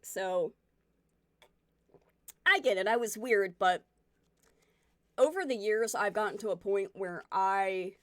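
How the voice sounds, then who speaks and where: A woman's voice: medium pitch, slow pace, long pauses, a bit bright, no room sound. A woman in her twenties chatting casually with her stream viewers, candid and rambling as she reflects and reacts to comments. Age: 20s.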